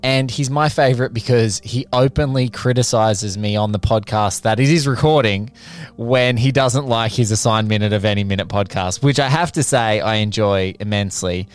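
A man's voice: on the low side, moderate pace, clear, resonant tone. A man hosting a podcast in a casual, effusive, rambling way with colloquial turns of phrase. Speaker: podcast host.

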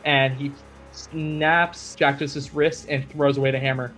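A man's voice: medium pitch, level tone, unhurried, fairly bright tone, faint music behind. A man hosting a podcast and recapping a story in a casual, chatty way with many fillers. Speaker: podcast host.

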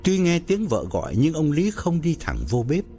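A man narrating a ghost story in a slow, measured storytelling manner. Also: fairly high pitch, huge pitch swings, mellow, faint music behind.

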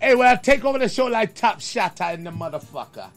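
A man's voice: high-pitched, big pitch swings, brisk, faint music behind. A man from the Bahamas with a Bahamian accent, an artist in the studio joking around and slipping into patois. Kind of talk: casual studio banter.

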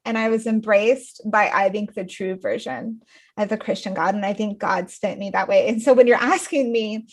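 A woman's voice: on the high side, a bit bright. Earnest woman author telling her story. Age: 30s. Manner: earnest, emotional, many restarts and fillers. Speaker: guest author. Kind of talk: podcast interview storytelling.

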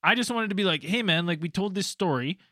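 A man's voice: high voice, expressive, fast talker, bright, forceful tone, no room sound, studio quality. A man co-hosting a podcast, chatting casually and laughing along, loose and profane. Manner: laughing, loose, swears freely. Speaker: podcast co-host. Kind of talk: casual chat.

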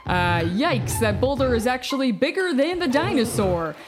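Lively, theatrical woman announcer with music behind. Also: fairly high pitch, normal speed. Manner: exclamatory, theatrical. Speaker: narrator and contest announcer. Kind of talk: playful sports commentary for a children's story.

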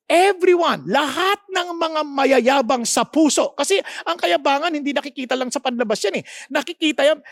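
A woman's voice: high voice, lively intonation, normal speed, dry recording, studio quality. A woman from the Philippines with a Filipino accent, preaching a sermon that mixes Tagalog and English, putting rhetorical questions to her listeners and explaining words with emphasis. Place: podcast recording.

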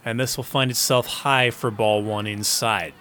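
A man doing descriptive baseball play-by-play, narrating each pitch and play as it happens. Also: steady tone, normal speed, bright, forceful tone, slight background noise. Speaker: baseball commentator. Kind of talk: baseball video game play-by-play commentary.

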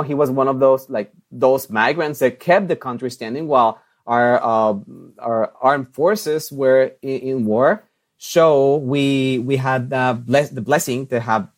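This medium-pitched Mexican TV and radio host, a native Spanish speaker, is a guest giving interview answers. Cheerful and talkative, he laughs a lot and his speech is full of fillers and false starts.

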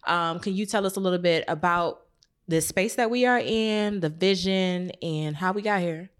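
A woman's voice: on the low side, normal speed, clean tone. A woman co-hosting a podcast interview in a guest's studio, introducing questions with upbeat encouragement. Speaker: podcast co-host. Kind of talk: casual interview.

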